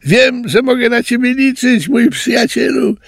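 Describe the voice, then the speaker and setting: A man voicing a tiny young male tapir calf in a storybook, squealing with excitement. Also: very high-pitched, measured pace, gravelly, slightly rough, no echo, studio quality, pitched above the performer's own voice, exaggerated voice. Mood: joyful.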